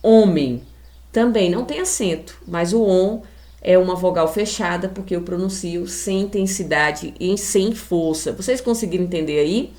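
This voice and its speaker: A woman's voice: lowish voice, a little mellow. Brazilian woman teaching a class, emphatic. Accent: Brazilian Portuguese. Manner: slow and emphatic, stretching example words; speaks straight to the class. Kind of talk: video lesson for children.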